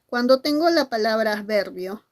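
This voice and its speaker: Lively high-voiced woman teaching. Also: normal speed. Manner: animated, questioning, voices imagined students. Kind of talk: classroom-style lesson to camera.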